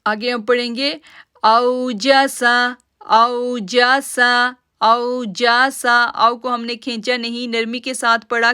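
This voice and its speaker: A woman teaching Quranic recitation rules, drawing out each word slowly to demonstrate it, then explaining the rules and addressing her listeners as sisters. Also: a little high, bright, forceful tone, clean tone. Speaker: tajweed teacher. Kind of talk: online Quran recitation lesson.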